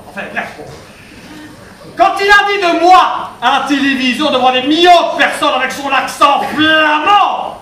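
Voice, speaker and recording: A man doing a rambling, tipsy politician, puffed-up and full of puns. His voice sits very high and bright. It sounds like a live stage recording, echoey and picked up from far off. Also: slight background noise, full character voice. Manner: tipsy, rambling, punning, pompous. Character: drunk pompous Belgian politician, middle-aged man. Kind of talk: stand-up one-man show character. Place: theatre stage.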